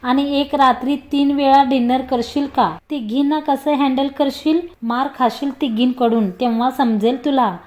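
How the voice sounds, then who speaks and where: Woman reading as snappish, irritated young woman; high voice. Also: fairly even intonation, unhurried, few pauses, a little mellow. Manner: snappish, annoyed.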